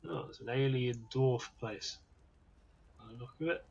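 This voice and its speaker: A man's voice: mid-range voice, moderate pace, vocal fry, a little mellow, dull audio. A man chatting casually while playing a game with a friend, making wry offhand remarks. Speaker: game streamer. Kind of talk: casual gameplay chat.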